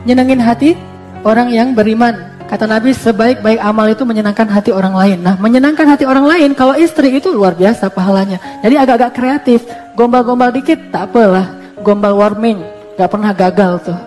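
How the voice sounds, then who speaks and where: A man's voice: high voice, fairly quick, a little mellow, faint music behind. A man giving a casual religious talk as a preacher, in a playful, joking way. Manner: playful, joking, teasing delivery.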